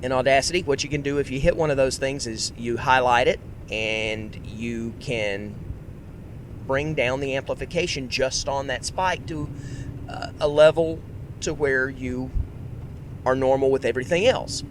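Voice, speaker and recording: At normal speed, a man hosts a casual solo podcast in a rambling, self-correcting way, projecting his voice. The recording is low quality, with faint road noise rumbling underneath.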